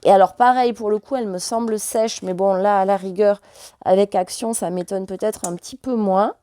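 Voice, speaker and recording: A woman's voice: mid-range voice, steady tone, normal speed, dark tone, dry recording. A French woman vlogger chatting casually and hesitantly, full of fillers, while showing her purchases. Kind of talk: casual chat.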